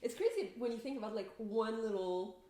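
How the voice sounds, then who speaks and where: A young woman co-hosts a podcast in casual chat, her voice on the high side, brisk and dark-toned. She's chatty and giggly and leads the questions, and the room she's recorded in is echoey.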